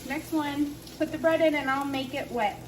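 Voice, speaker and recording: A woman's voice: high voice, fairly even intonation, moderate pace, reverberant, distant mic, noisy background. A woman vlogging from her home kitchen, talking casually and encouraging a small child through cooking step by step. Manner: slangy, says "like" often. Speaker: mom and wellness vlogger.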